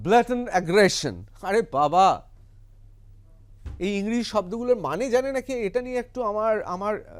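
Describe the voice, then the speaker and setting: This is a male news commentator, tearing into his subject with scorn and heavy emphasis. His voice sits high and leaps around expressively from word to word. He pauses now and then to read out English quotes before explaining them. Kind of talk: heated political commentary.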